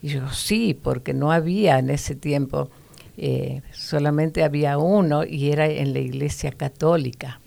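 A woman's voice: low-pitched, normal speed, creaky. A middle-aged woman, telling a childhood story as an interview guest and acting out the voices in it. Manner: animated storyteller, voices her childhood self and sister. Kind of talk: personal testimony in casual interview.

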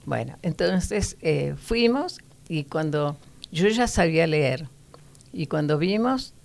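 This middle-aged interview guest has a low, creaky voice and takes a slow pace. She shares a personal childhood memory in a relaxed conversation, lively in delivery and voicing her young self and her sister.

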